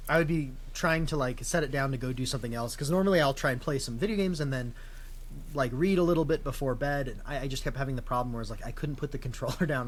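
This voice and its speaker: A man in his thirties from the United States, co-hosting a casual gaming podcast with dry, self-deprecating humor. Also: medium pitch. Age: 30s. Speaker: podcast co-host. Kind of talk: casual chat. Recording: faint background noise.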